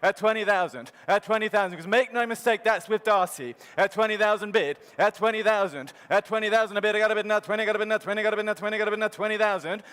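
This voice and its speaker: High-voiced man chanting bids as an auctioneer. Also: fairly bright tone, smooth. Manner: rhythmic, repetitive bid calling. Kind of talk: auctioneer chant calling bids at a live sale. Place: large sale arena. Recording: hall reverb from sale ring PA.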